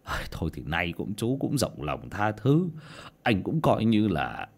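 A man voicing a greedy, scheming old villager who mutters slyly and chuckles low. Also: sing-song, unhurried, vocal fry, slightly rough, exaggerated voice. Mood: feigned remorse.

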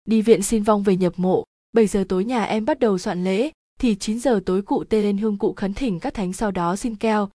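Woman with a mellow, dry narrating voice. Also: medium pitch, normal speed, hardly any pauses, dry recording. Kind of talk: storytelling narration.

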